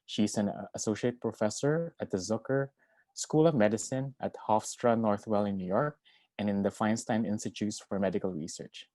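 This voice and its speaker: A man speaks over a video call, his voice low-pitched and darkly mellow. He moderates a medical webinar and reads out the panelists' backgrounds in a formal, measured way. The sound is dry and close, with no room around it. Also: no echo. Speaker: webinar moderator and family physician.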